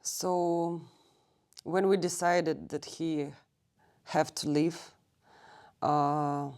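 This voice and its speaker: A woman from Russia in her thirties, a native Russian speaker, is recorded in a public library for an oral history interview. Her low voice is mellow, smooth and steady in tone, and she speaks slowly, often pausing haltingly as she searches for the English word she needs.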